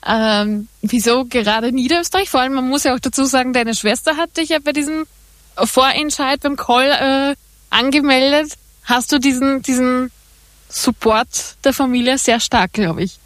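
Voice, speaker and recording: A woman's voice: high-pitched, normal speed, a bit bright, dry recording. A woman radio presenter asking a guest friendly interview questions, with a few fillers as she goes.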